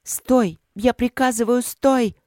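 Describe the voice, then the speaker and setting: A reader voicing a frightened but commanding young queen who shouts urgent orders. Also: medium pitch, steady tone, slow, no room sound, clean studio sound, voice pushed up, close to an everyday voice. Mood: alarmed.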